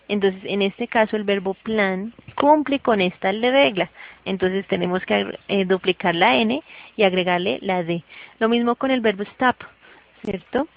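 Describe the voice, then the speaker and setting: A woman teaches a class, explaining each step patiently and pausing often to check that her student follows. Her voice has a gravelly, fry-tinged edge. The recording sounds dull and lo-fi. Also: medium pitch. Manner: patient, keeps checking understanding. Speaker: English teacher.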